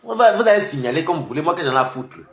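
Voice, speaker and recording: A man with a fairly high voice rants at his online rivals, taunting and mocking them in repeated jabs. He swings between loud outbursts and low, muttered asides. The recording sits in an echoey room. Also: expressive, very fast. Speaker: social media commentator. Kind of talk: confrontational online rant.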